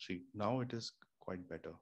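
A young man with an Indian accent, voice on the low side and pace moderate, hosts a casual home studio tutorial over screen share, explaining recording step by step with many fillers and restarts. He uses a studio microphone through an audio interface in a small room near an air conditioner and fridge. The recording is muffled, with a faint room hum.

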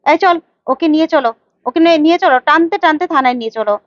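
A woman's voice: high-pitched, racing, lightly acted. A woman voicing a firm, lecturing woman police officer, on a dull lo-fi recording. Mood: stern, commanding. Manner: stern, lecturing, commanding.

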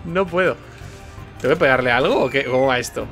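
A man commenting on a video game as he plays, excitable, swearing and repeating himself. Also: mid-range voice, racing. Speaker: gaming video host. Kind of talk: let's play commentary. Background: faint game music.

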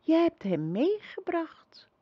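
A woman doing a soft, serene girl empress. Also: mid-range voice, slow, dry recording, highs cut off, heavily acted. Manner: soft, calm and reassuring. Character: gentle young girl empress, serene and kindly.

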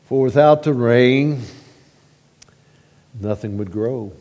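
Slow man at a pulpit microphone. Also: mid-range voice. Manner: halting with repeated words, swelling louder in prayer. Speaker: pastor leading prayer. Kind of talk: spoken church prayer and announcements. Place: church sanctuary. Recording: long reverb of a church sanctuary.

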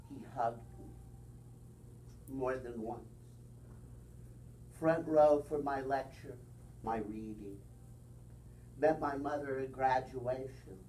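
A middle-aged man reading his poetry at an open mic in a bookstore, slow and deliberate, with wry asides. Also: medium pitch, a little mellow. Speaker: poet. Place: bookstore room with small audience. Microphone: far camera. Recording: distant, faint room noise.

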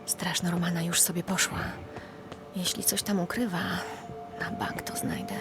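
A woman's voice: on the low side, big pitch swings, unhurried, in a whisper, music in the background. A young woman voicing a plucky, wry reporter sneaking about in a video game, talking to herself. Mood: hushed, focused.

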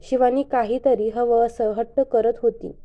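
A woman storyteller reading a scripted romance story aloud in an even, unhurried way. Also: fairly high pitch, highs cut off.

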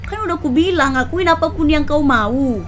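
A woman in a game roleplay, calmly lecturing and scolding a friend. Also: high-pitched, normal speed, music in the background. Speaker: roleplay gamer. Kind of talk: in-character game roleplay chat.

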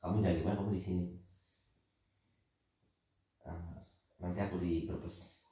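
A man's voice: low-pitched, fairly even intonation, normal speed, warm tone. A man, a father, chatting casually with his family at home. His talk is playful and teasing. The recording picks him up from a distance in a strongly echoing room. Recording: echoey room, mic far off.

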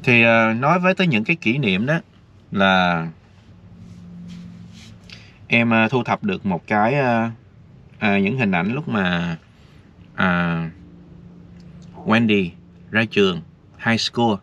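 Outdoors, a man vlogs in a chatty, rambling way straight to his viewers, with a lowish, sharp-toned voice. He speaks slowly and pauses often, and the recording is dull lo-fi with faint noise.

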